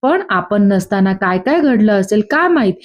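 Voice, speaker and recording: A woman's voice: medium pitch, very animated, moderate pace, lightly acted. A woman voicing a scheming woman who needles and stirs family trouble. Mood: sly. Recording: dull lo-fi.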